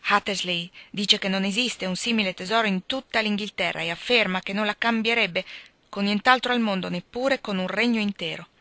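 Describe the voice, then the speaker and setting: A self-pitying young man, petulant and sarcastic, as a woman reads him aloud. The voice is bright and tense. It sits close and dry, as in an audiobook. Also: medium pitch, a little fast, no echo. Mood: mocking. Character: young dissolute husband, self-pitying and mocking. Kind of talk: audiobook character reading.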